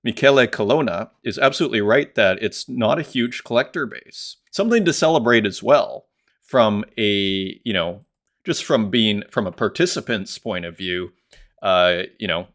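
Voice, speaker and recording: A man's voice: fairly low pitch, animated, normal speed, fairly bright tone. A man hosting a solo podcast, talking casually with many fillers and restarts, reading out comments and reacting to them. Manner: reads comments aloud and reacts. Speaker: podcast host.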